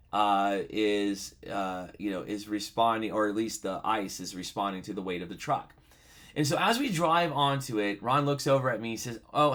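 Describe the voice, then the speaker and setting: A man's voice: mid-range voice, a bit bright. A man teaching a video bible study lesson in a conversational way, telling stories with lots of fillers. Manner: conversational, many fillers, storytelling asides.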